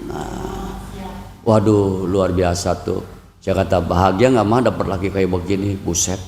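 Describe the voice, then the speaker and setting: A man's voice: low voice, fairly even intonation, a little slow, creaky, a little mellow, a little hiss or hum. A man with a Jakarta Betawi accent giving a humorous Buddhist dharma talk, bantering with the audience and acting out talks with his wife. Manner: acts out dialogue with his wife. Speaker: Buddhist preacher. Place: temple hall. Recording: echoey hall, long reverb.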